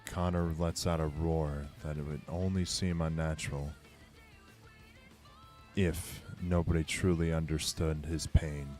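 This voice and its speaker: Very deep-voiced male game master. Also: flat delivery, unhurried, a little mellow. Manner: grim dramatic narration. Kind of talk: narrating a tabletop game. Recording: faint background music.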